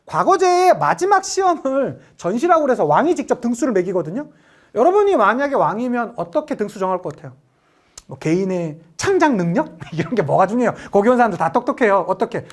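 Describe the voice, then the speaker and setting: A woman teaching an exam-prep history class in a high voice. She fires rhetorical questions at her students, and her pitch swings widely as she acts out little quoted lines. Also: big pitch swings, fast talker. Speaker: history lecturer.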